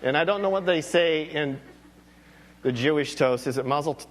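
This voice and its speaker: A man's voice: a little high, normal speed. A man preaching a sermon as pastor, talking candidly and rambling with self-deprecating asides.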